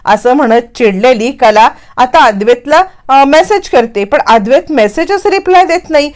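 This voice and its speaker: Woman, high voice, lively storytelling, serial recap. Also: normal speed. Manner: lively storytelling, acting out characters' lines in quotes. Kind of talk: casual retelling of a TV serial episode.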